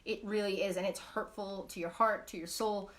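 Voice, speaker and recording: A woman chats on a live stream, blunt and foul-mouthed, rambling through endless fillers. Her voice has a bright, sharp edge. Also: medium pitch, fairly even intonation, normal speed. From Brooklyn, New York. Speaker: knitting live-stream host. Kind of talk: casual live-stream chat.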